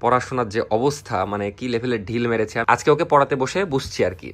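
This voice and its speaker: A man's voice: medium pitch, fast talker, fairly bright tone. A young man, vlogging casually and tutoring a younger sibling in a chatty, scolding way. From Bangladesh. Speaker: family vlogger. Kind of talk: casual vlog narration and tutoring.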